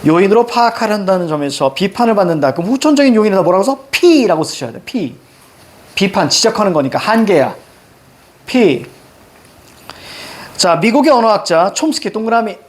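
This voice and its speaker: A man's voice: high voice, moderate pace, long pauses. A middle-aged man teaching a reading lesson in a classroom, directing students step by step on what to underline and circle. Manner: animated, directive, drills students on reading steps. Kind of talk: classroom lecture. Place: classroom with blackboard.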